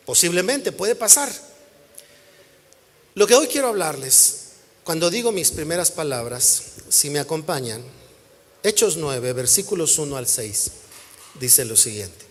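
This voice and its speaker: Pastor guy preaching, quite high voice, asks the crowd stuff, big reverby hall. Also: very animated, measured pace, long pauses. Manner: preaching with quoted voices and questions to the congregation. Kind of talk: sermon. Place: church hall. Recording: long church hall reverb.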